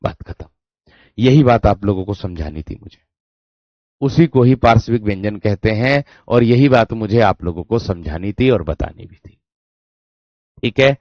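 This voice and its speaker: With a lowish voice, lively intonation and normal speed, a man teaches an online Hindi grammar class. He calls students dear friends, repeats what he says, and demonstrates sounds through repeated syllables. The dry recording has a dull lo-fi quality.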